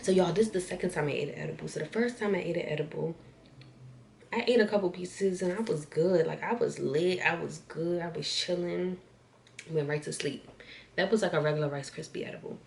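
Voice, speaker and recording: A young woman, telling a casual storytime on a vlog in an animated, slangy way and calling her viewers "y'all". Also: fairly low pitch, a little fast, creaky, slight background noise. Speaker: vlogger.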